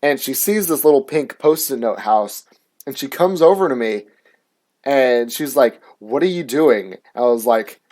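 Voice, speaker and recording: A man's voice: medium pitch, animated, measured pace, darkish tone. A young man hosting his own show, telling a story in a casual, aggrieved rant full of swearing and filler words. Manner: profane, filler-heavy, aggrieved. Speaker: show host.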